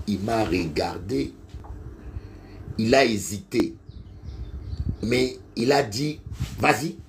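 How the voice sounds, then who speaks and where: A middle-aged man with a Congolese French accent, preaching a sermon and telling a personal story, slow and then loud and high. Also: a little hiss or hum. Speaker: bishop preacher.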